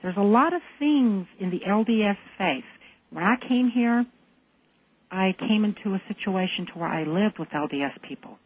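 A woman calling into a radio talk show, speaking in an intense, deliberate and defiant way. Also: medium pitch, animated, breathy edge. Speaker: caller. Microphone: phone. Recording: tinny phone line.

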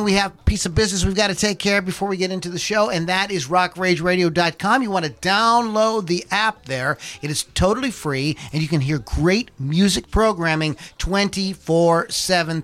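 A man's voice: high voice, bright, forceful tone. A man hosting a podcast, ad-libbing plugs and patter in a loose, informal, rambling way. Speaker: podcast host. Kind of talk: casual ad-libbed show patter and plugs.

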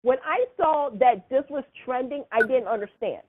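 Woman podcast host, casual soap recap, chatty filler-heavy talk, slightly high voice, tinny phone-like audio. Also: expressive, moderate pace. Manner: chatty, full of fillers like "like" and "you know".

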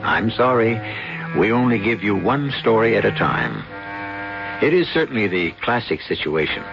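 A man hosting a drama anthology with wry, measured, mock-formal scripted delivery. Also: lowish voice, sing-song, gravelly. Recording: muffled old broadcast over music.

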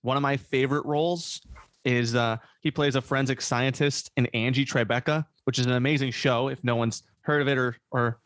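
A man hosting a casual podcast chat, excitable, swearing casually and laughing often. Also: medium pitch, fairly quick, no room sound. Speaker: podcast host.

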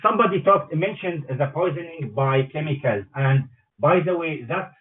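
Man on speakerphone, tinny phone sound, fairly high voice, hesitant, keeps calling for attention. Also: animated, moderate pace, slightly rough. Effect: on speakerphone, sounds far away. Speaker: caller in a group call.

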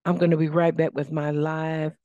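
Her voice is low-pitched, level and dark, with a Southern accent, as she hosts a live call-in coaching show. A life coach by trade, she talks slowly and sounds folksy and preachy. Dry, dull lo-fi audio.

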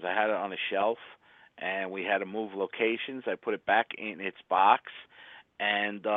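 Low-voiced Brooklyn man on a phone-like feed. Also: no echo. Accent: Brooklyn New York. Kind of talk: casual radio chat. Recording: thin phone-like radio audio.

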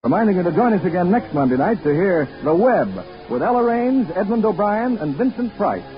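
A man working as the announcer of an old radio show, speaking in a formal, measured 1940s broadcast manner. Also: sits high, sing-song. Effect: old radio broadcast sound. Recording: muffled old radio broadcast with faint music.

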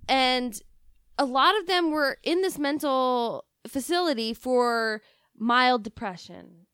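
Woman, high voice, smooth and clear, dry sound, casual podcast chat. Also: slow, fairly bright tone, no echo. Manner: laughs often, stumbles over words. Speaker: podcast co-host.

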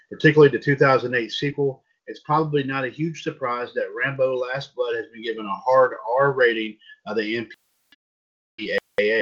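A man with a medium-pitched, slightly bright voice hosts a laid-back pop culture news podcast. He reads headlines aloud and trips over names, and the recording has a dull, lo-fi quality.

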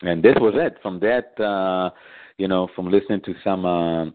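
A man from Israel, a guest musician, answering interview questions casually in a soft, halting way with many fillers. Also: low voice, no echo. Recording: dry, tinny phone-like line.

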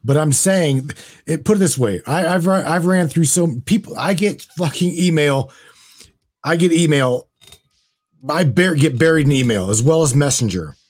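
A man's voice: fairly high pitch, moderate pace, darkish tone. A man hosting a talk show, speaking bluntly and emphatically and swearing freely. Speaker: host. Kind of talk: casual chat.

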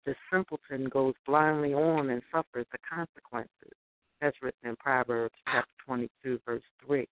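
A woman calling in over a clipped phone line, reciting scripture in a measured, preacherly way. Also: very deep voice, steady tone, dry recording. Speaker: caller. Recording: tinny phone line, faint noise.

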